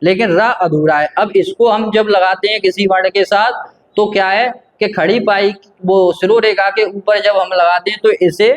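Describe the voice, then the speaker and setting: A man teaching a grammar lesson, patient and repetitive, asking himself questions and answering them. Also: high-pitched. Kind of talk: grammar lesson explaining at a board.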